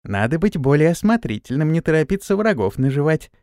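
A man voicing a blunt, sharp-tongued female servant who scolds and lectures, in a raised voice. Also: a little high, big pitch swings, brisk, no room sound, clean studio sound, voice pushed up. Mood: lecturing. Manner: scolding, preachy.

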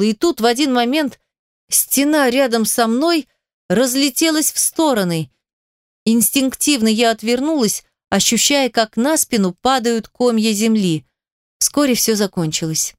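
Smooth-voiced woman reading a fantasy audiobook. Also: on the high side, unhurried, no room sound, studio quality. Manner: expressive, storytelling. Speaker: audiobook narrator. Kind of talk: first-person fantasy audiobook narration.

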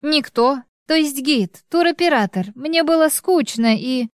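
Woman voicing a flustered wife, bright and jittery. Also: sits high, animated, dry recording, studio quality, pitched above the performer's own voice. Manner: nervous, quick, overly bright. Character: flustered wife lying to her husband. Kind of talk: audiobook reading.

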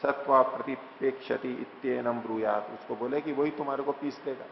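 Male scripture teacher, measured recitation then plain explanation; dull echoey hall recording. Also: mid-range voice, fairly even intonation, vocal fry, slight background noise. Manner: recites verses slowly, then explains plainly with rhetorical questions. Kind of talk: scripture lecture.

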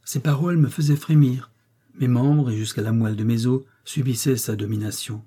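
A male audiobook narrator reading a classic novel in an even, measured delivery. His voice is mellow and soft-edged, with a slight huskiness. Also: medium pitch, breathy edge. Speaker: audiobook reader.

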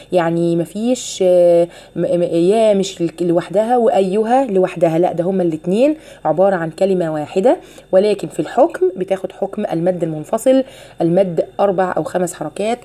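A woman with an Egyptian accent teaching a recitation lesson, asking her listeners questions and then reciting the words slowly to show each rule. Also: medium pitch, mellow. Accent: Egyptian Arabic. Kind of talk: tajweed lesson.

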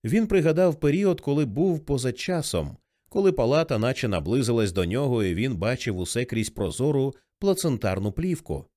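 A man narrating a novel as an audiobook, with expressive, varied delivery. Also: mid-range voice, normal speed, few pauses, no echo, studio quality. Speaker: audiobook reader.

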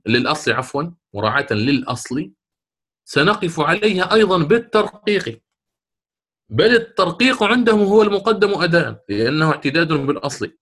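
A man teaching a lesson on Quran recitation rules, asking and answering his own questions and drawing out the recited words slowly. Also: fairly high pitch, fairly bright tone. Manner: stretches recited words drawn out.

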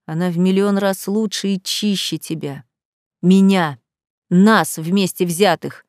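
A woman's voice: steady tone, a little slow, darkish tone, dry recording, studio quality, lightly acted. Woman voicing a bitter, menacing young man. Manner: harsh, hissing, low menacing threats. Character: angry young man, bitter and contemptuous groom.

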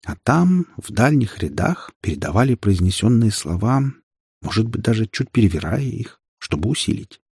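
A man narrating a dramatic audiobook in an expressive storytelling manner. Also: fairly low pitch, normal speed, gravelly, slightly rough, dry recording, studio quality.

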